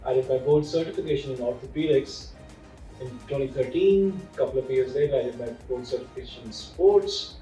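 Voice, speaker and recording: A man talks in a mellow, matter-of-fact tone. He sounds distant from the mic in a roomy space, with soft music in the background. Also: medium pitch, brisk. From India. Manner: matter-of-fact, lists credentials steadily. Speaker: physiotherapy course instructor. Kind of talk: casual interview talk.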